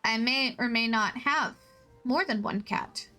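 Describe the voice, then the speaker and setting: Slow-talking woman streamer, giggly and rambling. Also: on the high side. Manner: rambling, giggly, self-mocking. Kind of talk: casual game stream chat. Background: soft background music.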